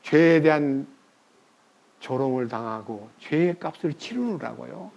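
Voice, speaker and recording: Lively high-voiced preaching man. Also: unhurried, vocal fry. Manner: animated storytelling with rhetorical questions to the congregation. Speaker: pastor. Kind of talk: sermon. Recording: dull lo-fi recording.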